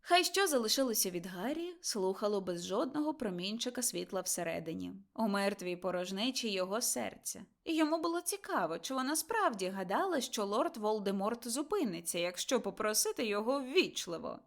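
A woman narrating a dramatic audiobook, expressive and slowing for tense moments. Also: medium pitch.

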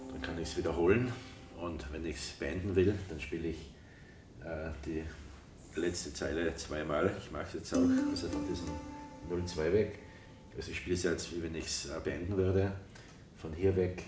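Calmly counting in and explaining slowly, an older man from Tyrol, Austria, teaches ukulele step by step in a relaxed lesson. His voice sits low and comes from far off, picked up by a camera mic at a distance in an echoey wood-paneled room, with ukulele playing in the background.

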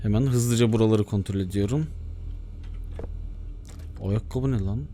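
A young man giving excitable let's-play commentary, muttering to himself and bursting into shouts. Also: on the low side, unhurried, a little hiss or hum. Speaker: gaming YouTuber.

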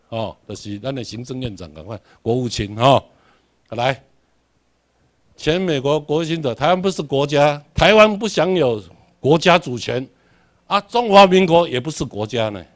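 A man's voice: medium pitch, lively intonation, moderate pace. A man from Tainan with a Taiwanese accent, giving a classroom lecture, emphatic, putting rhetorical questions and answering them himself. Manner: emphatic, repeats key words for drilling.

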